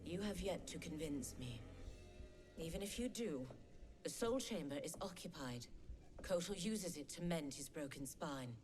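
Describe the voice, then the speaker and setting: A woman's voice: deep voice, lively intonation, a little slow, darkish tone, faint music behind. An actress voicing a stern, distrustful female warrior in a video game, speaking in a cold, challenging way.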